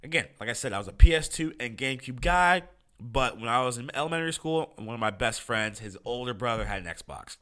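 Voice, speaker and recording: A man's voice: mid-range voice, expressive, a little fast, pushed and bright. A young-adult American man hosting a solo gaming podcast, casual, profane and opinionated, with a froggy, congested voice from being sick. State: sick with a cold. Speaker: podcast host. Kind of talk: casual solo podcast commentary on video games.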